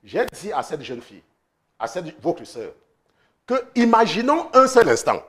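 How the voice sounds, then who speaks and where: A man's voice: sits high, sing-song, unhurried, fairly bright tone, a little hiss or hum. A pastor preaching a sermon, repeating his points for emphasis and acting out a phone conversation. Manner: preaching with emphatic repetitions, acts out a phone call. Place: church or online study.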